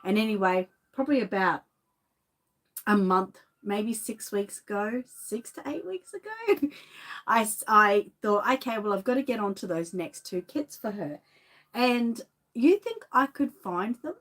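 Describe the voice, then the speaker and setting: On a casual livestream from her home studio, an Australian woman with a lingering cough greets viewers by name. She is a reborn doll artist and shop owner, and her mid-range voice is animated and a bit bright, moving at a measured pace.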